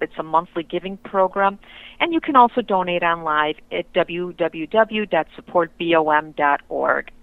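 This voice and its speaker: A woman's voice: on the low side, clear, resonant tone, no echo. A woman calling in by phone to a radio show, chatting earnestly about a charity. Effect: over the phone. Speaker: caller. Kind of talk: casual radio call-in chat. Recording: tinny phone line.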